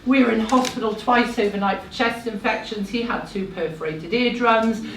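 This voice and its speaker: A woman in her thirties tells a personal story at a live talk event, chatty and a little nervous, tossing in self-deprecating asides. Her fairly high, fairly bright voice moves at a moderate pace, heard from a distance in an echoey room with slight hiss or hum.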